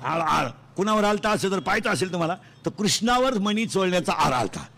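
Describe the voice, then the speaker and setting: A man delivers a comic devotional sermon through a stage microphone. He declaims loudly in a high register and fires quick questions at the crowd. A faint hum sits under the voice. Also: expressive, gravelly. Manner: loud, declaiming, quizzing the crowd for quick answers. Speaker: kirtan preacher. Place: festival pandal stage.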